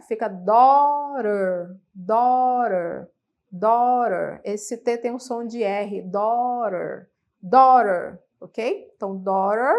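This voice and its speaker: A woman with a Brazilian Portuguese accent, teaching English vocabulary in a classroom lesson, checking in with frequent tag questions and repeating words for practice. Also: fairly high pitch.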